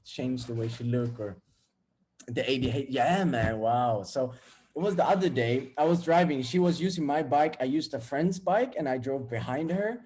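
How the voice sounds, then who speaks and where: A man's voice: medium pitch, normal speed, a little mellow. A young man, talking casually and bluntly to viewers, swearing freely as he tells a story. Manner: candid, blunt and profane. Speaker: vlogger.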